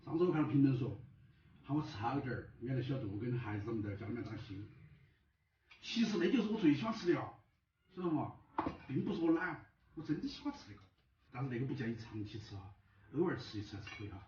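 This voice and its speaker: A man's voice: mid-range voice, very animated, fast talker, muffled recording, background noise. A middle-aged man with a Sichuan-Chongqing Mandarin accent, chatting casually and in a folksy way as a home food vlogger while he cooks and eats. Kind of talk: casual chat while cooking and eating. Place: indoors, home cooking area. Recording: roomy echo, distant mic, faint music.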